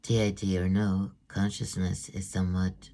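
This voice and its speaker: A middle-aged man presents his book as an author, reading in a measured, even way. His voice sits low and stays flat in its melody. The tone is dark and mellow. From Sweden. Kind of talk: read-aloud book presentation.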